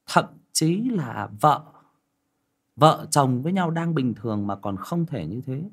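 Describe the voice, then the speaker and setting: An animated man tells a casual story to listeners in a medium-pitched, breathy-edged voice at a measured pace. He plays both sides of a conversation and rises sharply whenever excitement takes hold.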